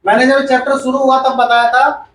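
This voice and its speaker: A man's voice: very high voice, level tone, brisk, a bit bright, a little hiss or hum. A male chemistry teacher gives a classroom lecture. He repeats each point and quizzes the class as he goes. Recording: echoey room, far from the mic.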